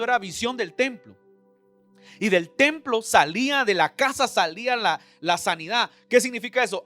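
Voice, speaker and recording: High-voiced Central American man preaching. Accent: Central American Spanish. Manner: preacherly, addresses listeners as brother, rhetorical questions. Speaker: pastor. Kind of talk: sermon. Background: soft background music.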